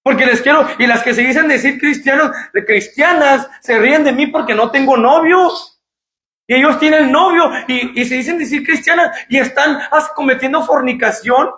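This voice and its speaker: A man, a pastor, giving an impassioned sermon, repeating phrases and shouting at the high points. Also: moderate pace. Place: church. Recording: echoey church hall.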